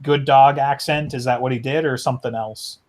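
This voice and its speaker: A man's voice: medium pitch, fairly even intonation, normal speed, a little mellow. A man in the middle of a casual podcast discussion about a book. He rambles, stops himself and restarts his sentences, filling gaps with plenty of "like" and "you know". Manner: rambling, many fillers and restarts. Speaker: podcast co-host.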